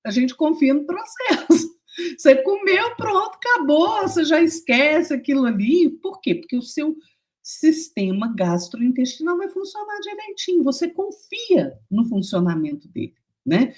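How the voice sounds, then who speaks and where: Animated, high-voiced woman teaching. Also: unhurried. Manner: animated, speaks straight to the audience with everyday examples. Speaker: co-host of a Spiritist program. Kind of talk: conversational teaching talk.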